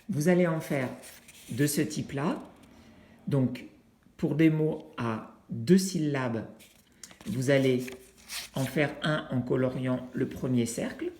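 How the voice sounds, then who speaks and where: A teacher explaining a learning activity to parents in an unhurried way, pausing often with fillers while demonstrating with objects. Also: mid-range voice, dark tone, slight background noise. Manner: unhurried, with frequent hesitations and fillers. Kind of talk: instructional video for families. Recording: roomy, echoey indoor sound.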